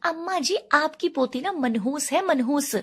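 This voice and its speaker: A woman voicing a sharp-tongued village mother who scolds loudly in a cartoon story. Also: measured pace. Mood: angry scolding. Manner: shrill, scolding.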